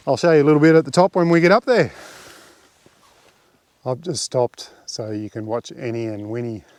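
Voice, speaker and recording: An Australian man vlogging outdoors on a bush track, chatting in a relaxed, rambling way with lots of fillers into a handheld camera mic. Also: mid-range voice, smooth, dry recording. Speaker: camping vlogger. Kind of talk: casual walking commentary.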